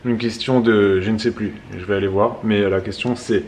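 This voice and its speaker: A man hosting a casual family vlog, talking in a halting way as he thinks aloud. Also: lowish voice, fairly even intonation, darkish tone, slight background noise. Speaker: vlog host.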